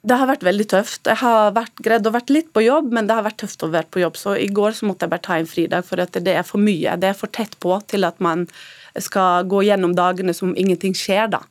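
A woman from Turkey, a mother of school-age children, speaking as a guest in a radio interview, halting and emotional with many fillers. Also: mid-range voice, fairly even intonation, no echo.

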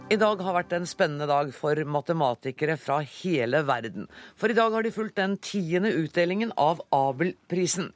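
A male news anchor leading a studio interview, brisk but light and self-deprecating. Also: on the high side, animated, soft background music. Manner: light, joking about not understanding.

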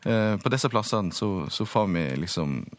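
A male linguist being interviewed, explaining patiently and pausing often to find his words. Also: fairly low pitch, animated. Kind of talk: radio interview.

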